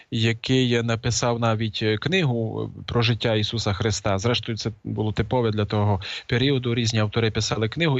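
Speaking at an ordinary middle pitch, a man gives an unscripted lecture, often pausing to fill gaps with hesitant sounds and restarting his sentences. The audio is dull and lo-fi, dry with no room echo.

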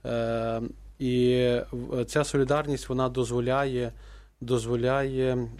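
A priest on a radio call-in show who speaks. He pauses often and restarts his sentences, filling the gaps with drawn-out sounds. His voice sits at an ordinary male pitch. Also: level tone, darkish tone. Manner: hesitant, many fillers and restarts. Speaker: priest guest. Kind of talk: radio talk-show answers.

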